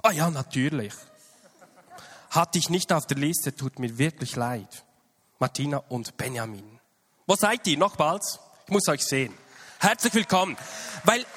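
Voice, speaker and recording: Man, pastor, chatty church welcome, unhurried delivery, long reverb of a church hall. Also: a little high. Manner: warm, chatty addresses to the congregation with fillers. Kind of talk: sermon welcome to congregation.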